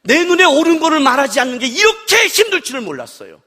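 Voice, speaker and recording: A man's voice: extremely high pitch, big pitch swings, quick pace, bright, forceful tone. A middle-aged man preaching an expository sermon at a worship service, telling stories and acting out his wife's replies. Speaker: pastor.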